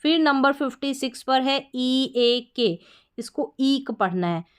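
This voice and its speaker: A woman from India teaching an English spelling lesson, slowly sounding out words syllable by syllable. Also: high-pitched, expressive, clear, resonant tone.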